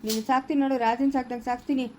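A woman's voice: sits high, fairly even intonation, racing, heavy background noise. A woman with a rural Kannada accent acting as a mother in a family drama, coaxing and fussing over her baby in a sing-song voice. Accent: rural Kannada, Chikkaballapura area. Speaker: mother character.

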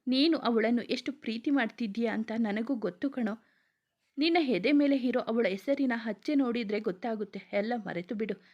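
Lady reading as a bossy but loyal buddy, brisk and protective, kinda high. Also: muffled recording, close to an everyday voice. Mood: comforting. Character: loyal, blunt young male best friend. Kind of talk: storybook reading.

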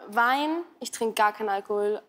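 A woman's voice: fairly high pitch, moderate pace. A woman in her twenties, a dating show contestant, bubbly and laughing as she banters in a TV studio. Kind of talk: casual banter.

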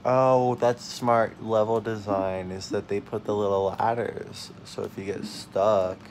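This let's play host is a young man with a lowish voice who talks about the game he's playing without hurrying. Slight background noise is audible, and he yelps and laughs excitedly at his own blunders.

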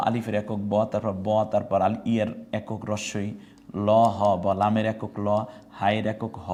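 A man's voice: mid-range voice, a little mellow. A man teaching Quran reading, patiently naming letters and their dots one by one. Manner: chanted recitation, slow and drawn out. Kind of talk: step-by-step lesson on Arabic letters.

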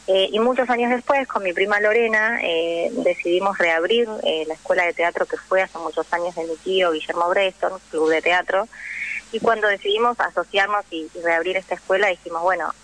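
A radio interview guest, this actress and radio drama teacher talks fairly quickly in a steady, fairly low, slightly bright voice. Her accent is Rioplatense Argentine Spanish, she explains at length in a conversational manner, and the audio is rough.

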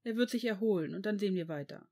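A reader voicing an old male headmaster in a fan fiction audiobook, measured and calm, turning stern. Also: medium pitch, close to an everyday voice.

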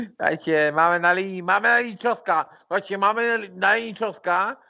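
A man's voice: high voice, moderate pace, creaky, dull audio. A man hosting a casual livestream, mocking and taunting with frequent swearing and laughter. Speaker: livestream host.

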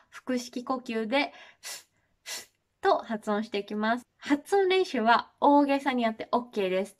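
A woman in her thirties from Japan teaches English pronunciation in a video lesson. Her voice sits slightly high, and she explains things step by step in a polite, encouraging way, showing each sound as she goes. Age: 30s.

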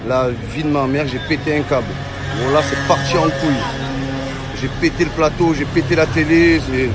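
A man in his forties doing comic sketches and vlog monologues, loud, excitable and slangy, often breaking into shouts. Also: fairly high pitch, moderate pace, loud music behind the voice. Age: 40s. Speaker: comedian.

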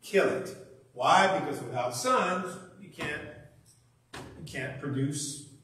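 Folksy preacher in an echoey church. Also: male voice, fairly high pitch, takes it slowly, slight background noise. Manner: folksy, animated storytelling with repeated restarts. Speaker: minister. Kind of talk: sermon. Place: church sanctuary. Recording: very echoey hall, distant mic.

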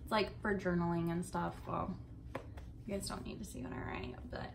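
This young adult woman has a lowish, gravelly voice with a steady tone and moderate pace. Vlogging from her bedroom, she talks casually and rambles, swearing and adding asides, over audible background noise.

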